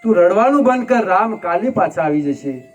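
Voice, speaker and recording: A man voicing a gentle, consoling old queen mother. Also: high voice, animated, normal speed, dull audio, soft background music. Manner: soothing, consoling.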